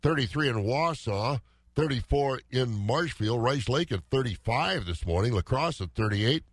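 A man's voice: medium pitch, animated, moderate pace, slightly rough, no echo, clean studio sound. A man, a morning radio host reading weather and market prices in conversational, clipped phrases.

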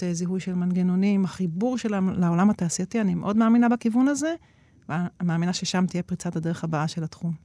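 A woman's voice: on the low side, dark tone, no echo. A woman being interviewed as an expert, explaining at length with frequent hesitation fillers. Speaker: guest expert on nature-inspired innovation.

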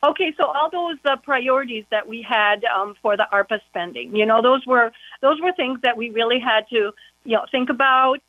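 A woman speaks over a muffled, tinny phone line that sounds like it comes through a wall. Her voice sits a little high and has no room sound around it. She talks in an easygoing, chatty way, with plenty of fillers. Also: moderate pace, no echo. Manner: chatty, full of "you know" fillers. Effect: muffled phone line, as if heard through a wall. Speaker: county board member. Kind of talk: casual phone-in interview.

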